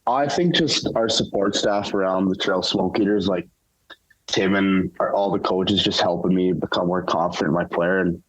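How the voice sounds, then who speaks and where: Very deep young man, halting. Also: husky, poor audio. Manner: relaxed, halting, lots of fillers. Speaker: interview guest, hockey player. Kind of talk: casual interview answers.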